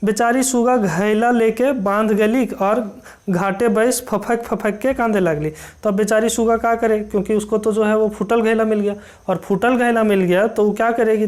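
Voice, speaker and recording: A teacher explains a folk tale, reading dialect lines slowly and then restating them in plain words with many fillers. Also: mid-range voice, steady tone, a little mellow.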